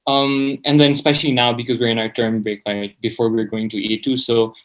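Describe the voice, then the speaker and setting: Speaking fairly quickly with a flat delivery, the Nepali teen, seventeen, has a mid-range voice. As a student guest he's casual and hesitant, sprinkling "like" throughout, in a rough recording.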